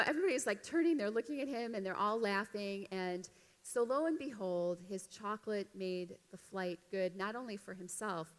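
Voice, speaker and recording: Woman preaching in a reverberant church. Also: medium pitch. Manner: storytelling, warm emphatic delivery with laughs and slowed key phrases. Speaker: speaker at a church service. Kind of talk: sermon. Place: church sanctuary. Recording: long reverb of a church hall.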